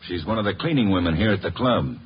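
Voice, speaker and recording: An actor playing a gruff, bossy police inspector, curt and sarcastic, in an old-time radio drama. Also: male voice, deep voice, animated, quick pace. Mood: interrogating. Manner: curt, barking, sardonic. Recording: muffled, noisy 1950s radio recording.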